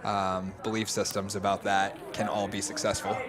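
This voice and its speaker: A young man commentating a live poker stream in a relaxed, analytical way. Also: on the low side, moderate pace, music in the background. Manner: easygoing, analytical. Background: crowd chatter of a poker room.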